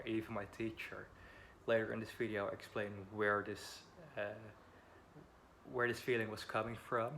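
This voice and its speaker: His voice is on the low side and fairly bright: a Netherlands-born man in his 20s speaking Dutch-accented English, with Dutch as his first language. Vlogging a personal story from his home by a busy road, he's slightly nervous, hesitant, and apologetic, with lots of ums, and faint wind and passing traffic can be heard.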